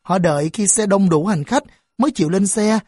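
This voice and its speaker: Woman, audiobook narration, dark husky voice, dry close sound. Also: medium pitch, fairly quick, dry recording. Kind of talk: scripted narration.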